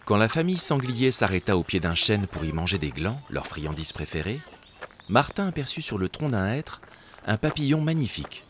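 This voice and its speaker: A man narrating a children's storybook in a gentle, expressive way. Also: on the low side, normal speed, noisy background.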